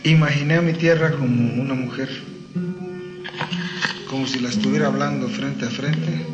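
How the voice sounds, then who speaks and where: A man's voice: medium pitch, fairly even intonation, moderate pace. A man from Mexico's Costa Chica with a coastal Mexican accent, reciting a long poem in a solemn, sing-song declamatory style. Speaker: poet reciting. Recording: roomy, dull lo-fi recording with music. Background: music playing.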